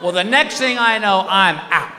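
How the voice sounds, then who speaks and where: A man doing stand-up storytelling, acting out the people in his story with sudden high yelps. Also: normal speed, slight background noise. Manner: animated, acts out characters with high yelps. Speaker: stand-up comedian. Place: live stage before an audience. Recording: live hall with crowd laughter.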